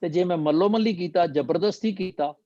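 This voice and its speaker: A man teaching and explaining scripture in a slow, deliberate manner, slipping English phrases into his talk. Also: high voice, dark tone, no echo, dull audio. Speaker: Gurbani teacher.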